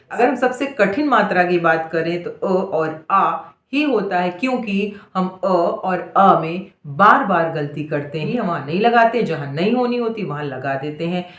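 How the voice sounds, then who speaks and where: A woman teaches a dictation lesson at a very slow, deliberate pace. She sounds out single letters and repeats each word over and over with patient care, and her voice rings in an echoey room. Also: medium pitch, a bit bright.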